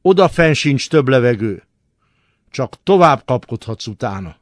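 A man's voice: medium pitch, big pitch swings, dry recording, studio quality, lightly acted. A man voicing a rude, lanky male prison bully who talks in a sneering, menacing way.

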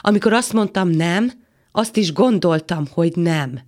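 A woman reading an audiobook, voicing an angry woman who shouts a man away, shrill and emphatic. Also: expressive, close to an everyday voice. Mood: shrill, indignant.

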